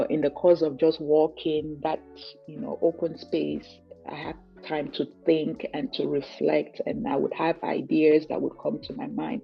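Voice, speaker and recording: A woman from Cameroon speaks in a notably low voice, earnest and reflective, often leaning on "you know" as she explains. The call audio is dull and lo-fi, with faint music underneath. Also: creaky, husky. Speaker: guest giving a client testimonial. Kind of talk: conversational interview over a call.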